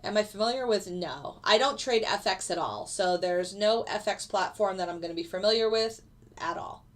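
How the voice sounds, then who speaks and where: A woman's voice: mid-range voice, normal speed. A woman with a stuffy, congested voice from a cold, explaining her live trades casually and answering viewer questions with fillers. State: stuffy nose from a lingering cold. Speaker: futures day trader streaming live. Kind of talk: live trading commentary answering chat.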